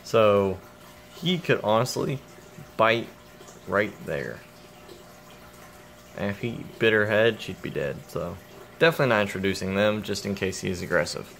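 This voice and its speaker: A man's voice: on the low side, normal speed, gravelly, fairly bright tone. A young man casually vlogging about his pet reptiles at home, rambling and joking and talking to the animals, filmed on his phone. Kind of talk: casual vlog. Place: home, indoors. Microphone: phone camera. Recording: phone recording with faint background noise.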